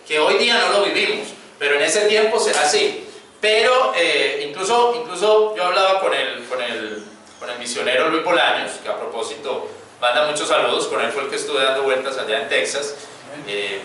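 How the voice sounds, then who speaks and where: Bright-voiced man preaching in echoey church. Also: fairly high pitch, slight background noise. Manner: chatty storytelling with frequent fillers and rhetorical "¿cierto?". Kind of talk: conversational sermon. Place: church hall. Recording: echoey church hall from far off.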